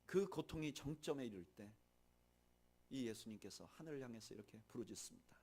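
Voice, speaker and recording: A man preaching to his congregation in a church, his voice sitting in an ordinary middle pitch. He swings between loud, emphatic passages and soft, hushed ones. He slows down and draws out his words when he reads scripture aloud. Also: lively intonation, breathy edge. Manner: slow measured reading of scripture with the congregation. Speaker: pastor. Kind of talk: sermon. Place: church sanctuary.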